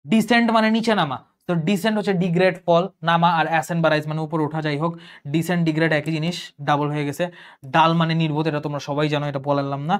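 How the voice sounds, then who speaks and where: A man's voice: fairly high pitch, fairly even intonation, fast talker. A young man teaching an online class, explaining and repeating words and asking and answering his own questions.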